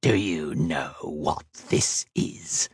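A man voicing a sly, menacing hooded creature that speaks in a slow, quiet, rasping whisper. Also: very deep voice, no room sound, clean studio sound, voice pushed down, full character voice.

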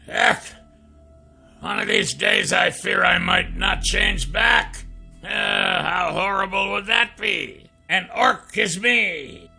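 A man's voice: high voice, slow pace, bright, forceful tone, faint music behind, voice pushed up, full character voice. A man voicing a sly male shapeshifter who talks his way past a guard with coaxing tricks. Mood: dismayed. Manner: smooth-talking, coaxing, mischievous.

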